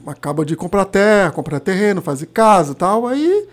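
A man in his thirties from Haiti with a Haitian accent, a podcast guest talking in a relaxed interview, often pausing and restarting as he searches for words. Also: high-pitched. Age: 30s. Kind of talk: casual interview conversation.

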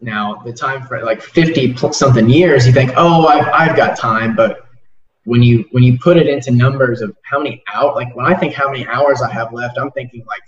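A man's voice: medium pitch, normal speed. Roomy distant young man chatting. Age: 20s. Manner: rambling, repeats words, earnest. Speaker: podcast host. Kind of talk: casual interview chat. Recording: roomy, distant, dull sound.

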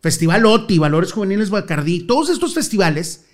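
A middle-aged man with a northern Mexican Monterrey accent, pitched a little high for a man. He tells stories to an interviewer in a lively, slangy way that breaks into laughter easily. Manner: animated, slangy, quick to laugh. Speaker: interview guest. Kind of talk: casual storytelling interview.

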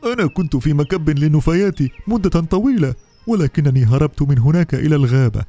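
A man's voice: high voice, expressive, fast, warm tone, no room sound, faint music behind, pitched above the performer's own voice. A man voicing a sad, earnest little plastic bottle in a bedtime story.

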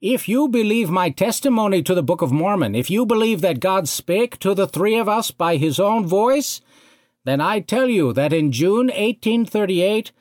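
A stern older man with a German accent , as a man puts him on, proclaims his revelation in a raised, solemn voice. He sits noticeably higher than the speaker's own voice and sounds set back from the microphone, with a ringing, declamatory delivery. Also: no echo.

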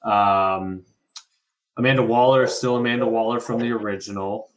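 A man's voice: medium pitch, steady tone, normal speed. A man hosting a casual podcast chat over an internet call, talking in a loose, rambling way with some swearing. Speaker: podcast host.

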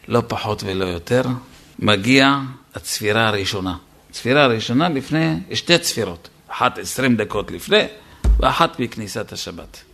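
A man's voice: mid-range voice, creaky, a bit bright. A man, a rabbi, giving an emphatic Torah lesson, repeating his words for stress and addressing his listeners directly. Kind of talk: sermon.

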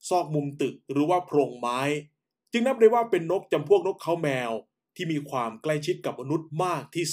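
A man hosting and narrating in a calm, unhurried radio style, using polite particles as he tells a story. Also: a little high. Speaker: host.

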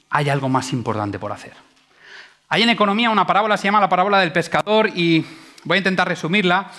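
A man's voice: sits high, a bit bright. Reflective man. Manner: asks rhetorical questions to the audience. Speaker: speaker. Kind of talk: reflective sermon-like talk.

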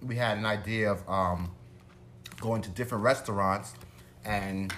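A man's voice: fairly low pitch, fairly even intonation, measured pace, very noisy. Easygoing man hosting a food vlog. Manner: easygoing, hesitant with many ums. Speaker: co-host. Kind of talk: casual food vlog chat.

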